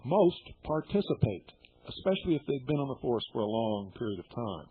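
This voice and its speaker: A middle-aged radio host delivers a shortwave monologue, talking bluntly and indignantly to his listeners and swearing freely. His mid-range voice is husky, very animated and a little fast, and the broadcast sounds tinny.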